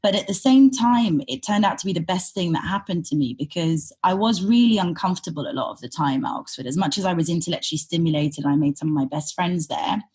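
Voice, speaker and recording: A woman's voice: lowish voice, animated, fast, hardly any pauses, a little mellow, slightly rough. A woman in her thirties from Sudan, raised in Britain, speaking as a podcast guest. She tells her stories in a reflective, thoughtful way, with frequent fillers. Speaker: podcast guest, humanitarian consultant. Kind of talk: conversational interview storytelling.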